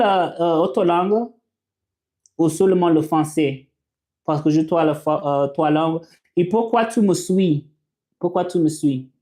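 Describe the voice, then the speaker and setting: A native English-speaking man hosts a casual livestream, reading out viewer comments. He speaks haltingly with many fillers and restarts, in a slightly high voice with a dark tone.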